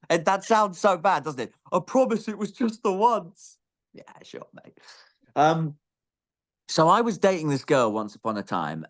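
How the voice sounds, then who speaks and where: Young man, interview guest, lively swooping pitch, laughing, stumbling restarts. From born in Greece, raised in England. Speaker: interviewed musician. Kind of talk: casual interview chat.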